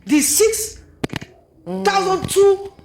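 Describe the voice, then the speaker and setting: Nigerian woman on tv panel, high pitched, animated complaining, roomy sound. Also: extremely slow, noisy background. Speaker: TV talk show panelist. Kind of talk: live panel discussion. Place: TV studio.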